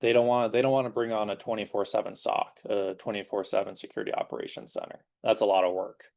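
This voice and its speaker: Talking fast in a lowish, gravelly, darkish voice with fairly even intonation, a young man in his twenties speaks to a classroom as a visiting security engineer. His informal talk wanders, full of fillers, and he's slightly losing his voice.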